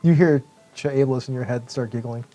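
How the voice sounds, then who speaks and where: A woman's voice: rumbling low, moderate pace, dark tone, soft background music. A woman acting as game master, improvising her narration and banter as she goes, sometimes hesitantly.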